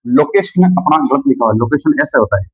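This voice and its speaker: A man teaches a grammar lesson, repeating each key word back to his students as a question and often calling them "friends". His mid-range voice is animated and fairly quick, with a breathy edge. The recording has dull lo-fi sound and no echo.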